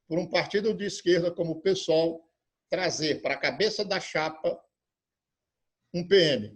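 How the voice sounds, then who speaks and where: A man's voice: a little high, breathy edge. A man with a Brazilian Portuguese accent hosting an online interview, introducing his guest with frequent hesitations and filler sounds. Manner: halting, many filler sounds. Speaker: interviewer and host.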